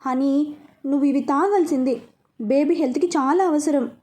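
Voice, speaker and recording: Woman as a young husband, affectionate and teasing, high and mellow. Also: normal speed, close to an everyday voice. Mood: coaxing. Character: young man, loving and playful husband.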